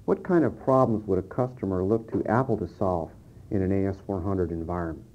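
Scripted instructional material is read by a presenter and interviewer whose voice is low-pitched, darkish and a little fast. The source is an old cassette tape, dully transferred from the early 1990s.

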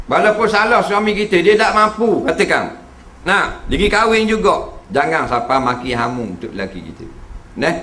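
A man's voice: sits high, big pitch swings, normal speed, bright, forceful tone, slight background noise. A man giving a humorous religious lecture to an audience. He keeps checking in with his listeners and acts out the voices he quotes. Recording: echoey hall recording.

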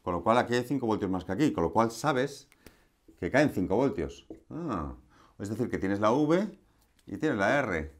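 Man, electronics teacher, chatty and playful, lowish voice, lesson recorded at a board. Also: very animated, normal speed. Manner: chatty, asks rhetorical questions, playful asides.

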